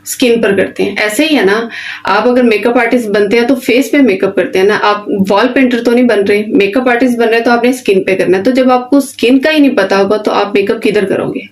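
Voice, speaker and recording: Talking fairly quickly in a slightly high voice, a woman gives an online lecture for a beautician course. She keeps things plain and simple, gives direct instructions, and frequently checks in with "ठीक है," meaning okay.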